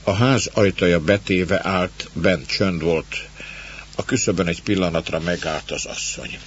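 A man with a very low, deep voice narrates a literary tale in a calm, measured manner. The sound is dull and lo-fi. A faint hum runs beneath it. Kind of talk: scripted narration of a literary story.

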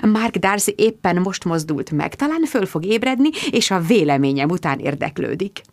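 A woman reading first-person diary narration in a wry, comic, expressive way. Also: lowish voice, no room sound. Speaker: audiobook narrator.

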